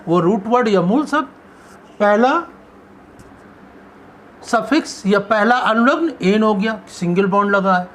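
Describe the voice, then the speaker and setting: A man's voice: high-pitched, a little hiss or hum. Man, chemistry teacher, classroom lecture, asks and answers his own questions, draws out key words. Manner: asks questions and answers them himself, drawing out key terms.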